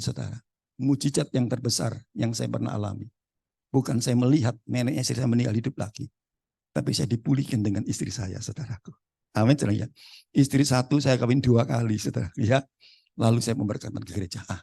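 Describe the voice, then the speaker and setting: A man with a Surabaya Javanese accent preaching a testimony sermon in a gravelly, husky voice that sits fairly high. He keeps calling his listeners brothers and breaks into acted dialogue. The sound is dry and close. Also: a little mellow, no echo. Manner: repeats "saudaraku" constantly, acts out dialogue in Javanese.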